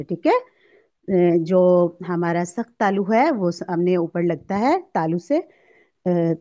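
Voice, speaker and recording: Slow woman drilling letter sounds. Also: on the low side, warm tone, muffled recording. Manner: asks a question, then answers it herself. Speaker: tajweed teacher. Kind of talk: recorded recitation lesson.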